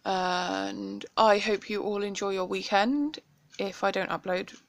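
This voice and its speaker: A woman's voice: mid-range voice, expressive, unhurried, creaky. Chatty young British woman showing a craft haul. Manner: chatty and enthusiastic, with frequent ums. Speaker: craft vlogger. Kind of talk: casual craft haul show-and-tell.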